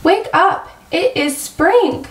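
A woman reading aloud and voicing a cheerful, eager male frog in a children's storybook, with a bright, urging lift to her voice. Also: high voice, takes it slowly. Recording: roomy echo, distant mic.

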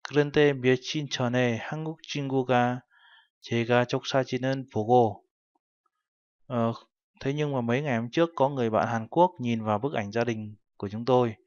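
A man's voice: medium pitch, steady tone, rapid-fire, a little mellow, no echo. A male teacher patiently explaining a textbook lesson and translating each phrase step by step. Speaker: Korean language teacher. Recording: dull lo-fi recording.

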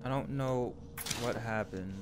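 A man's voice: medium pitch, a little slow, background noise. A man giving casual, exclamatory gameplay commentary with dramatic reactions and swearing. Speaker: gamer.

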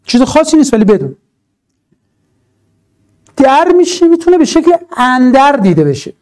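Guy teaching grammar for exams, high voice but mellow tone, super emphatic, drags out words. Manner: animated, emphatic, drawn-out stresses and rhetorical asides. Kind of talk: exam-prep grammar lesson.

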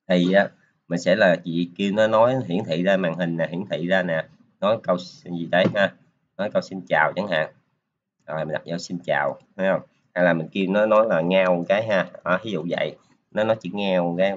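In a relaxed screen-recorded coding lesson, a male programming teacher talks while clicking through each step, filling his speech with many filler particles. His voice is low, and the audio is dull.

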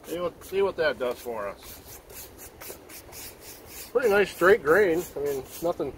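A man in his thirties hosting a woodworking channel, talking casually outdoors in a sawmill yard, relaxed and rambling, restarting words as he goes. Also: fairly high pitch, measured pace, a little hiss or hum. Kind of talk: casual outdoor workshop commentary.

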